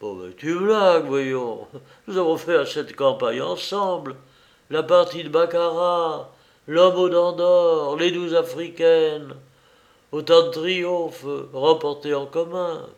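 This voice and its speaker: Man doing brash police sergeant, higher and louder than the narrator, insistent. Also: takes it slowly. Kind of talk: audiobook reading.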